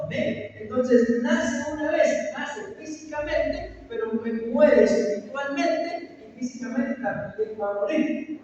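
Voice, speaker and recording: A man's voice: very high voice, dark tone, a little hiss or hum. A man preaching a sermon as pastor, calling out to the congregation for amens with rising emphasis. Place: church hall. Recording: echoey hall, voice from far off, dull sound.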